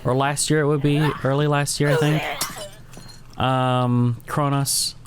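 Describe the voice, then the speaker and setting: A man's voice: medium pitch, little pitch movement, slow, background noise. A man hosting a gaming channel, giving casual let's-play commentary and thinking aloud, often stopping to correct himself.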